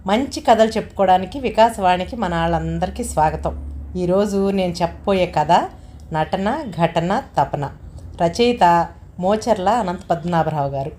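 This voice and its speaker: A woman host reading a short story aloud as an audiobook, steady and welcoming. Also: on the low side, moderate pace.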